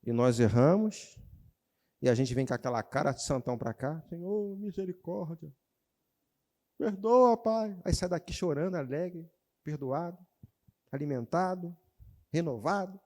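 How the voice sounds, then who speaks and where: A male pastor preaching a sermon in church, calling out questions to the congregation and moving between loud exclamations and quiet, low passages. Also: moderate pace. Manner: animated preaching, calls out to the congregation, shifts between shouting and quiet.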